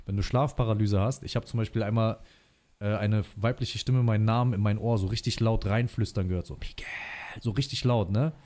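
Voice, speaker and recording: A man with a fairly low, mellow and relaxed voice, chatting as a guest on a livestream. He tells long personal stories in slangy, easygoing speech, often calling his host brother. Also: a little fast. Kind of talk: casual chat.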